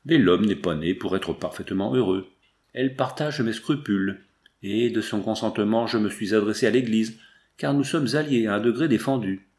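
A man's voice: fairly low pitch, normal speed, a little mellow, natural voice. A man reading as Manfred, a grieving proud prince. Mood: mournful. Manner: declamatory, pleading. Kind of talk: audiobook dialogue reading.

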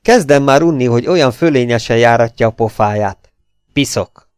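A man reading aloud, voicing a stocky, hot-tempered older sailor who bursts out in rough, indignant shouts. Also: medium pitch, animated, no room sound, clean studio sound, natural voice. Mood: angry.

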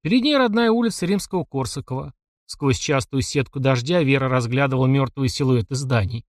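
A man narrating an audiobook in a measured storytelling manner. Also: medium pitch, no room sound, clean studio sound. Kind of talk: scripted narration.

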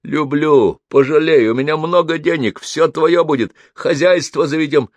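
A man reading the part of a rough village suitor who pleads insistently. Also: on the high side, normal speed, no echo, pitched above the performer's own voice, close to an everyday voice. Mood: pleading. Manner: pleading, pressing.

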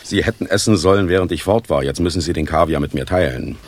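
In a radio drama, a male actor with a low voice plays a smug, menacing older East German party official. He speaks in a measured, declamatory and falsely courteous manner, with slight background noise.

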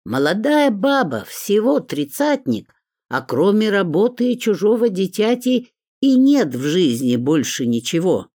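A reader voicing a gruff, teasing older male boss who gives orders in jest, with lively pitch in a dry recording. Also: measured pace, no room sound. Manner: bossy, teasing, commanding.

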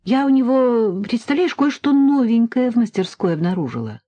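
A young woman artist from a storybook talks in an offhand, dismissive way, her voice a little raised and lively, as a woman narrator puts her on. The recording is dull lo-fi and dry. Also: fairly high pitch, moderate pace, dry recording, voice pushed up. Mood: musing.

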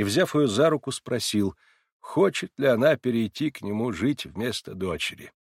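A man reads a classic novel aloud as an audiobook narrator, in a steady, measured way. His voice is at an ordinary pitch. The recording is dry and close to the mic. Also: no room sound. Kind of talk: scripted literary narration.

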